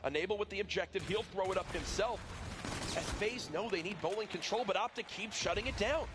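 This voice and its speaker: A man doing play-by-play esports commentary, excitable and building to shouts at big moments. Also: high-pitched, brisk, noisy background. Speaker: esports caster.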